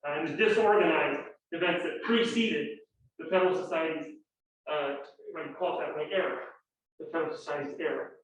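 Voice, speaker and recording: A man's voice: on the high side, fairly quick. A man speaking on a panel, rambling with many restarts and hesitations. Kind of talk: panel talk. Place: lecture room. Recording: distant, echoey, dull lecture-room audio.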